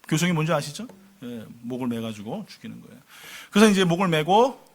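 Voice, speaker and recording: A man preaching a sermon as pastor, telling a story dramatically, swinging between loud exclamations and hushed low tones. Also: big pitch swings, fast talker. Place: church sanctuary.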